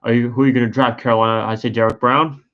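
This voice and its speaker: A man's voice: mid-range voice, level tone, rapid-fire, lo-fi sound. A tired, yawning man giving rambling, hesitant live-stream commentary, full of fillers and restarts. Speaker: sports streamer.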